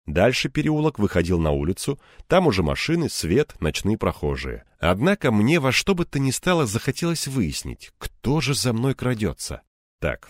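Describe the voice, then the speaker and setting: A man narrating an audiobook in the first person, with wry and ironic asides. His pitch moves in a lively way, and the recording is dry and close to the mic. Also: no room sound.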